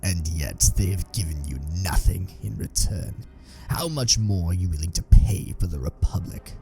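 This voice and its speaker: A man voicing a menacing old male Sith emperor who speaks slowly and in a low voice, goading his enemy. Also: expressive, creaky, mellow, soft background music.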